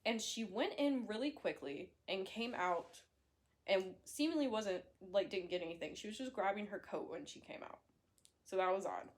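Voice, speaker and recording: A woman's voice: mid-range voice, expressive, normal speed. Chatty woman recapping a book. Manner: chatty, fillers, self-corrections, blunt swearing. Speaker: book reviewer.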